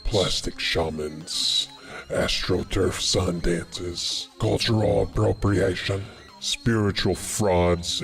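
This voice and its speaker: A man voicing a deep, slow tyrant of darkness. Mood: threatening. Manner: scornful, domineering pronouncements. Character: menacing godlike male ruler of darkness and consumption. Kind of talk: dramatic spoken-word monologue.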